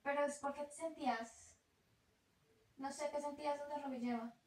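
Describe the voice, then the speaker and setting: A young woman with a Colombian Spanish accent vlogs about travel in a casual, reflective chat, laughing easily and talking freely. Her high-pitched voice is a little mellow, steady in tone, at a moderate pace. Faint noise and an echoey room come through.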